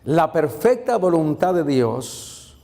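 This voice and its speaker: A man with a fairly high voice preaches a sermon, his words ringing through a church hall with a long reverb. He asks the congregation question after question and calls out to them. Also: very animated, takes it slowly, gravelly, dark tone. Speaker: pastor.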